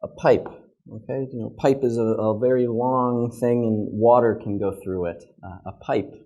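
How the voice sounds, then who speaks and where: A man's voice: mid-range voice, fairly even intonation, normal speed, warm tone, muffled recording. A young man teaching English pronunciation in a classroom at a whiteboard, speaking patiently and repeating each model word several times.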